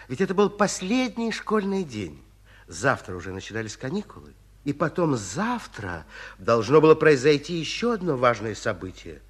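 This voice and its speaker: A man narrating a 1950s radio fairy tale as a kindly storyteller, gentle and expressive. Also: medium pitch, normal speed, slightly rough. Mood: tender. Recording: 1950s radio drama recording.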